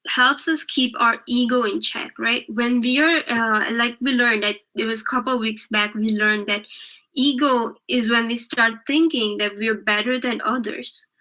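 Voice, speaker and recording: A woman leads a children's religious lesson over a video call, speaking slowly and patiently. Her voice is bright and a little high. She keeps checking in with her class as she explains. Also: poor audio.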